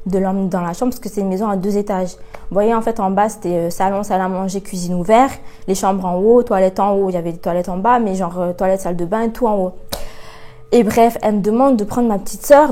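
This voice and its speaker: A woman's voice: mid-range voice, dark tone. A young woman telling a personal story in a casual vlog, full of fillers and acting out her own thoughts. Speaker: vlogger.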